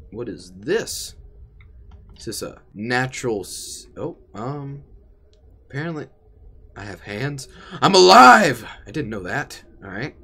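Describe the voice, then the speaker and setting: A man's voice: mid-range voice, a little hiss or hum. Swingy-voiced young man streaming a horror game. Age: young adult. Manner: jokey, mock-dramatic rambling, repeats phrases. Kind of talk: casual playthrough commentary. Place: indoor room.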